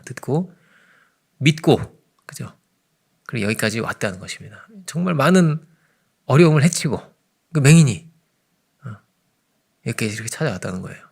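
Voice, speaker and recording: A man preaching an early morning sermon in a conversational way, often checking in with the congregation and swinging between loud emphasis and hushed asides. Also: medium pitch, animated, moderate pace, vocal fry, pauses often, husky. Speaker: pastor.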